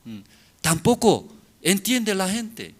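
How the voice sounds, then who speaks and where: Slow, lively foreign-accented preacher man. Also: high-pitched, breathy edge. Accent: foreign accent in Spanish. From outside Bolivia. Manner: slow, halting, constantly checking in with the listeners. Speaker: pastor. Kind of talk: sermon to a congregation.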